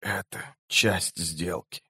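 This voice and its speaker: A man voicing a dying male mage who speaks quietly, slowly and with a wheeze. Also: fairly low pitch, husky, no room sound, clean studio sound. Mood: weak, sly.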